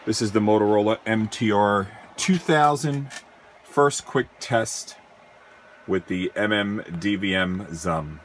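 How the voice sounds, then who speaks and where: A man's voice: fairly low pitch, takes it slowly, a little hiss or hum. A man giving a casual equipment demonstration as an amateur radio operator, recorded on a handheld camera in a small room. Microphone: handheld camera or phone, operator behind it.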